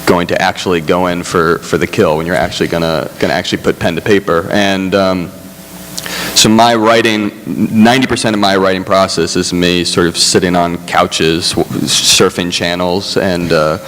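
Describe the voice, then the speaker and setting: A man speaking as a screenwriter on a festival panel, halting and self-deprecating, with many restarts. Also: deep voice, little pitch movement, fairly bright tone. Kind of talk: panel discussion. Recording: hall reverb, faint hum.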